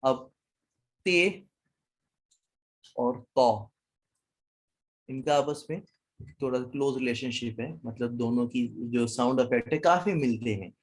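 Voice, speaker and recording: A man's voice: mid-range voice, pauses often. A man lecturing a class, quizzing students and mixing in English words. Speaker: Arabic teacher.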